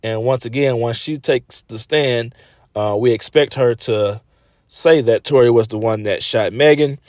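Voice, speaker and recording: A man's voice: mid-range voice, measured pace, dry recording. Man hosting in a dry close voice. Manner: relaxed, addressing the audience directly. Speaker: host. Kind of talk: casual chat to viewers.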